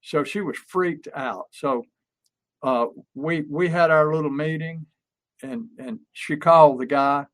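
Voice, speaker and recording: A man's voice: fairly high pitch, animated, measured pace, fairly bright tone. An older man co-hosting a podcast, telling stories in a casual, emphatic way with frequent restarts. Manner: anecdotal storyteller with frequent restarts and fillers; emphatic, repeats key phrases. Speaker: podcast co-host and marketing coach.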